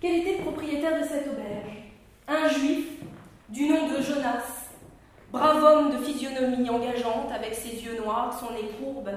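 A woman reading a classic novel aloud in a measured, expressive storytelling manner. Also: high-pitched, slight background noise. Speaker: audiobook reader. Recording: echoey room, mic far off.

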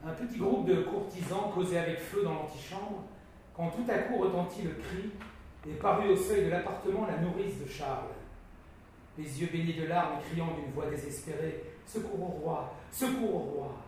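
A man narrating a classic novel in a dramatic, measured way. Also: on the high side, darkish tone, a little hiss or hum. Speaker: reader. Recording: very echoey, distant mic.

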